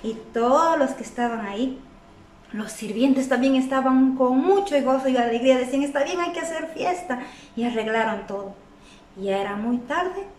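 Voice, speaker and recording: A woman tells a Bible story to children, checking in with them through frequent questions. Her voice is high and sounds distant in a roomy, echoing space. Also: normal speed, darkish tone, a little hiss or hum. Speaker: children's club Bible teacher. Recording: echoey room, voice from a distance.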